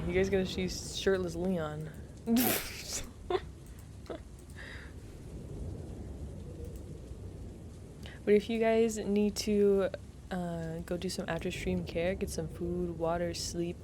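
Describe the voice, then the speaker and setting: A woman giving casual live commentary while playing a game for her stream, giggling often and chatting to her viewers. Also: fairly low pitch.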